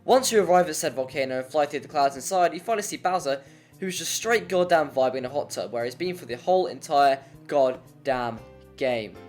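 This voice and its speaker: A narrator reads a scripted video essay informally and jokily, wandering into casual, rambling asides. The voice is medium-pitched, expressive and a little fast, with background music playing underneath.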